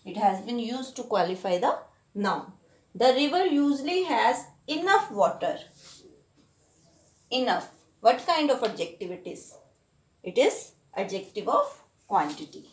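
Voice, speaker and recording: Indian woman teacher, higher voice, patient explainer, keeps checking in with students, roomy echo. Ideal for school lesson reads. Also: sing-song, normal speed. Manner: explanatory, frequent "right?" checks, mixes Hindi into English.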